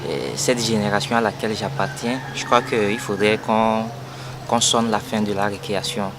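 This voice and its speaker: This is a young party activist from Togo, in his 20s, speaking earnestly about politics in an interview recorded outdoors on a noisy street. His voice sits on the low side and moves at a moderate pace, broken by frequent fillers and repetitions.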